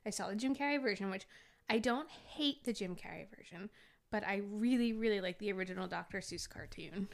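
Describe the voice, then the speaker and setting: Young woman, chatty co-host, casual podcast talk, laughs a lot, mid pitch. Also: brisk, vocal fry.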